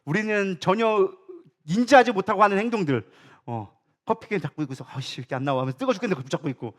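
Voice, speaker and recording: A man who is a church co-pastor, preaching a sermon in a lively, colloquial way, firing rhetorical questions at the congregation and mixing in humorous asides. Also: high-pitched, fast. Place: church sanctuary.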